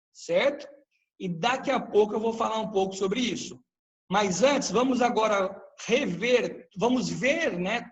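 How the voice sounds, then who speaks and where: A male teacher leads a live online grammar lesson at his computer. He talks slowly and deliberately, pausing to quiz his students. His voice sits high for a man. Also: muffled recording. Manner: explains patiently, quizzes the class with questions. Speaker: English teacher.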